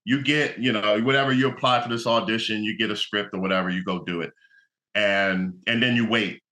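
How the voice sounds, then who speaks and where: Bright-voiced man musing with many fillers. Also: fairly low pitch, fairly even intonation, a little fast. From New Jersey. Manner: reflective, many "you know" fillers. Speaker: guest, actor and motivational speaker. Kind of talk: casual interview conversation.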